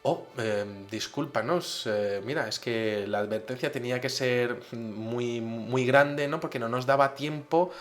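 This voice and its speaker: A man voicing a friendly male alien who explains things calmly and reassuringly. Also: mid-range voice, measured pace, hardly any pauses, lightly acted.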